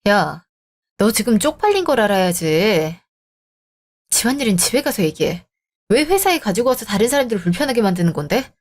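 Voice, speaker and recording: A woman's voice: mid-range voice, very animated, brisk. A woman voicing a selfish, dismissive young married man in a radio drama, talking scornfully. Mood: angry. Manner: scornful, bickering. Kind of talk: Korean radio drama acting.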